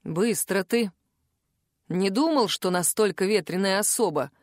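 A woman reading the part of an arrogant, scheming male pirate captain with a mocking, lowered delivery. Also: a little slow, no room sound, clean studio sound, natural voice. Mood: cold.

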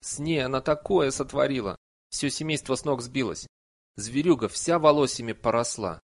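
A man reading an audiobook voices a nervous, simple peasant man who rambles loudly in rustic speech. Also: mid-range voice, normal speed, lightly acted. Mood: agitated.

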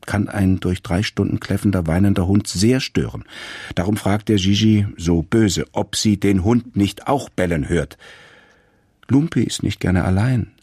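A man reading a radio story aloud in a calm, measured storytelling manner. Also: low voice, slightly rough, dry recording, studio quality. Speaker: narrator.

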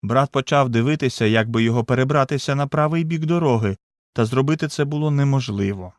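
Male audiobook narrator, dramatic reading, dry close sound, mid pitch. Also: fast talker, no room sound. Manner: dramatic reading, acts out the shouts. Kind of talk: scripted narration.

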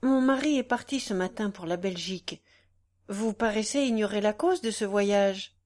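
A woman's voice: mid-range voice, normal speed, darkish tone, lightly acted. A woman reading the part of an anxious young married noblewoman who speaks curtly, with tense hesitation. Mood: urgent.

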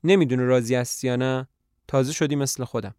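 A man's voice: mid-range voice, fairly even intonation, darkish tone, no room sound, studio quality, close to an everyday voice. Man voicing a weary, hopeful old tramp. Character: weary aging male tramp, impatient and hopeful. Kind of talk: podcast play reading.

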